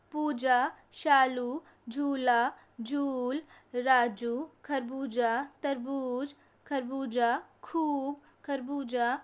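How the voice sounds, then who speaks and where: A woman teacher speaking to small children in an unhurried, careful voice. She sits a little higher than most women and stretches out each word so young learners can follow. She asks simple questions and answers them herself. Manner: slow, drawn-out word-by-word reading for children. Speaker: school teacher. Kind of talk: online class lesson for young children.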